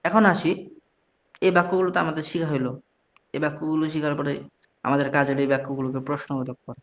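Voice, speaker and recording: A man's voice: on the high side, little pitch movement, fast talker, a bit bright. Patient man drilling phrases in class. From Bangladesh. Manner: patient drilling, reads each phrase then translates it; frequent restarts and mid-word corrections. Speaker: Arabic teacher. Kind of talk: online class lesson.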